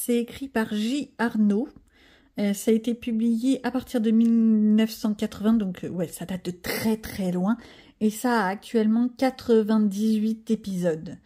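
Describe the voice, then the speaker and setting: A woman's voice: medium pitch, mellow. A middle-aged woman, chatting casually and rambling with self-mocking asides in a home vlog. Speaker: vlogger. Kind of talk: casual chat while coloring.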